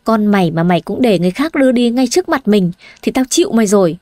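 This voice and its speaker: A woman's voice: mid-range voice, lively intonation, fast talker, dry recording, clean studio sound, lightly acted. A woman voicing a blunt, fiery young woman who urges her friend to stand up for herself. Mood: urging. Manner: forceful, urging.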